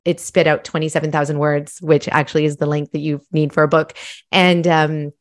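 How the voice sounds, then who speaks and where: A middle-aged woman from Malawi, appearing as a podcast guest, tells her own story in a casual, animated, self-reflective way. Her voice sits low, and she speaks a little fast.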